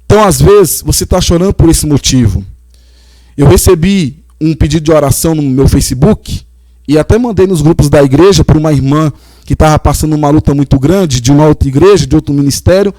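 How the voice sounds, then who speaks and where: A male pastor delivers a sermon in a fairly high voice that builds emphasis as he preaches. He reads scripture slowly and deliberately. The sound is dry and close, with no room around it. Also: warm tone, dry recording.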